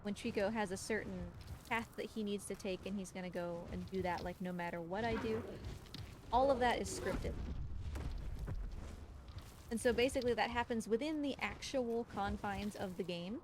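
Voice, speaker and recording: Game sound plays behind this clearly noisy stream, where a woman with a mid-range voice talks at normal speed. She's a speedrunner and livestream host, keeping up casual, chatty, explanatory commentary directed at her viewers and the game creature.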